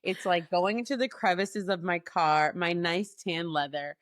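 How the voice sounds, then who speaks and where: A woman's voice: on the low side, a little slow, no room sound, studio quality. A young woman co-hosting a casual podcast, telling a long story with lots of "like" and "literally". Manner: animated storytelling, frequent "like" and "literally". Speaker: podcast co-host. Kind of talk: casual chat.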